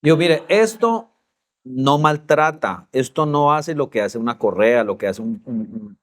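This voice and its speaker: A man's voice: mid-range voice, lively intonation, a little slow. A Colombian man teaching a church parenting class, explaining through a family story with acted quotes.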